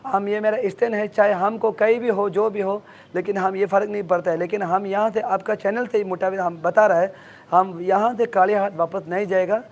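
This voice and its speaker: A high-pitched man from Arunachal Pradesh speaks with a hoarse, worn throat. He presses his points earnestly, circling back and repeating his demands with insistence. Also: fairly even intonation, brisk. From Arunachal Pradesh, India. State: hoarse from shouting. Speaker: activist guest. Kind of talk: impassioned interview answers.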